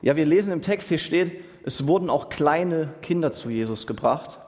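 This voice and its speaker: A man's voice: fairly high pitch, lively intonation, moderate pace, a little mellow. Young male preacher in a reverberant hall. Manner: casual, youthful slang, asks "Ja?" often. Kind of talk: sermon.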